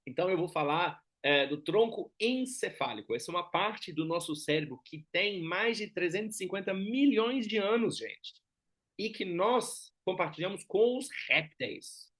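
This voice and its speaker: German-accented man lecturing, slightly high voice. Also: lively intonation, normal speed, fairly bright tone. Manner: didactic, with frequent check-in tag questions. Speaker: Enneagram teacher. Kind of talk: explanatory lecture.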